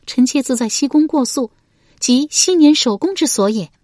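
A woman narrator voicing a proud young noblewoman in a historical novel reading, evasive and defiant, her lines shrill and pleading. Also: lively intonation, moderate pace, mellow, no echo, clean studio sound. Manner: shrill and pleading, rising into wails.

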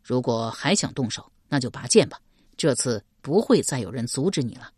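A woman voicing a quiet, guilt-ridden male swordsman in a storybook reading, low and restrained. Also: expressive, moderate pace, slightly rough, no room sound, clean studio sound, full character voice. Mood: weary.

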